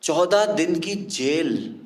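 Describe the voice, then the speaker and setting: A male stand-up comedian telling a story on stage, animated, swinging from loud punchlines to quiet, somber stretches. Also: a little high, extremely slow. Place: comedy stage before a laughing audience. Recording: echoey live venue with faint ambience.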